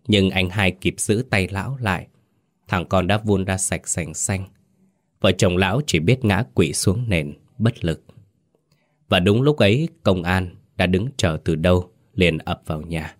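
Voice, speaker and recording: Deep-voiced man narrating a ghost story.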